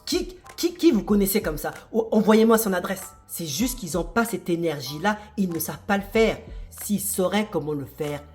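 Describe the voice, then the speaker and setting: A man's voice: high-pitched, animated, moderate pace, few pauses, a little mellow. Emphatic man with faint music behind. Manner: emphatic, with rhetorical questions to the viewer. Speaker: real estate investor and video host. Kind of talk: motivational monologue to camera.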